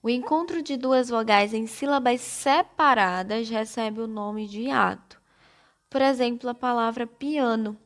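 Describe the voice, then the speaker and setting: A woman teacher with a Brazilian Portuguese accent, giving a slow, careful primary-school lesson and spelling out syllables one by one. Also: fairly high pitch. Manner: spells out syllables slowly and deliberately.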